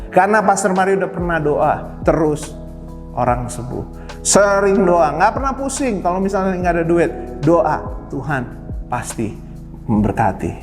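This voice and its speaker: Slangy pastor, slightly high voice. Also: male voice, a little mellow. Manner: slangy and playful, mixing in English phrases. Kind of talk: casual online sermon. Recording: long reverb with faint music.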